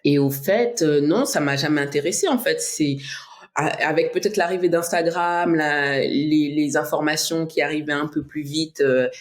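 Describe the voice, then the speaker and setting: Her voice sits low and moves at a moderate pace. A bodybuilding athlete from French Guiana, she reflects as a guest on a casual podcast, with many fillers and restarts and easy laughter.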